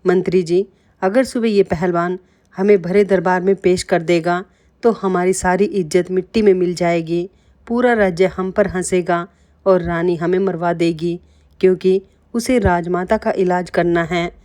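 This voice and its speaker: A greedy, scheming king from a storybook tale, as a woman narrator reads his lines. His talk is bossy and worried, and the voice sits on the low side. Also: steady tone, a little slow, warm tone, natural voice.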